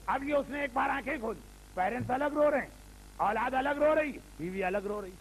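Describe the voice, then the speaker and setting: A man's voice: very high-pitched, expressive, a little hiss or hum, rough recording. An older man, a cleric, delivering a sermon in a repetitive, rhetorical style that mixes in English words. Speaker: Shia cleric preaching.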